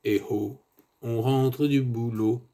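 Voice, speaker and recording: A man's voice: mid-range voice, fairly even intonation, slow pace, background noise. A man in his thirties giving a casual, rambling film review, full of asides and fillers. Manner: rambling and digressive, many fillers and tu vois asides.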